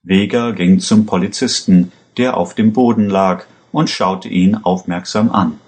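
Slow, deep-voiced male storyteller. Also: a little mellow. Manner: slow, measured reading. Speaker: narrator. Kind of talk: scripted story narration.

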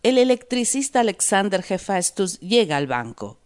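A woman teacher reading a word list and a story aloud in a clear, deliberate way for learners. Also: mid-range voice, sing-song, a little mellow. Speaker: language teacher. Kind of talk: slow scripted narration for learners.

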